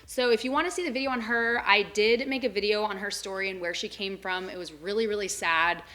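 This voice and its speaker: A woman's voice: medium pitch, fairly quick, bright, forceful tone. A young woman chatting casually in a home pet vlog, with lots of "um" and "like". She is a little out of breath from walking back and forth. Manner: chatty, filler-heavy with frequent "um" and "like". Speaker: pet vlogger. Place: home animal room.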